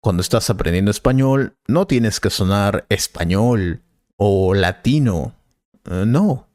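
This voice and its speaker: Calm male professor voiced by a man for a scripted teaching dialogue: patient, slow, dry studio read. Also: fairly low pitch, dry recording. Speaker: Spanish teacher.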